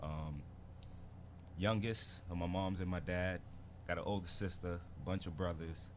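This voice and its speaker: A man's voice: deep voice, steady tone, measured pace, a little hiss or hum. A man from Barbados in his thirties, a rapper telling his story in a laid-back casual interview full of slang. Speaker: guest rapper.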